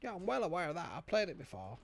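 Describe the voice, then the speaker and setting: British man, gravelly creak, swooping intonation, deadpan sardonic gameplay commentary. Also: high-pitched, fast. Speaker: gaming co-commentator. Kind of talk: dry casual banter over gameplay.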